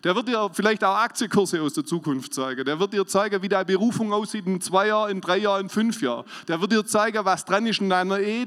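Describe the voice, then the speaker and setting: High-voiced man preaching in a hall. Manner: lively preaching, swings between loud emphasis and quiet asides. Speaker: pastor. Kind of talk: sermon. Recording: hall reverb.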